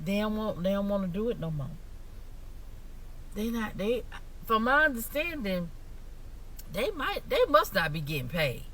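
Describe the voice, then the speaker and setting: An American woman gives casual social media commentary, sassy and emphatic, repeating her points. Her medium-pitched, slightly bright voice swings widely in pitch at a moderate pace with long pauses, on a slightly noisy recording.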